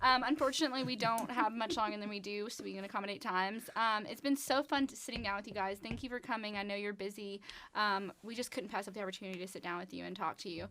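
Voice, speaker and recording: A woman's voice: medium pitch, steady tone, fast, a crowd in the background. A woman with a Nashville Southern accent hosting a casual interview, chatty and full of "like", laughing often. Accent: Nashville Southern American. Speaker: interview host. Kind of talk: casual chat.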